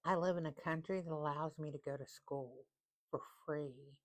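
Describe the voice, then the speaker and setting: Woman, low voice, casual tarot reading, slow deliberate card reading, repeats phrases for emphasis. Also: fairly even intonation. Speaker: tarot reader.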